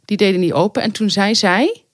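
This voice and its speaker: A woman co-hosting a podcast, telling an anecdote in casual chat with animated storytelling. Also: medium pitch, a little fast, no room sound, clean studio sound. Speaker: podcast co-host.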